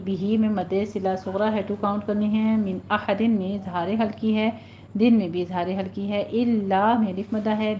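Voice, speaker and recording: A woman teaching Quran recitation rules, with a Pakistani Urdu accent, speaking patiently and drawing out example words slowly to demonstrate. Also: mid-range voice. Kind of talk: tajweed lesson, explaining and demonstrating recitation. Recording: dull lo-fi recording with faint hiss.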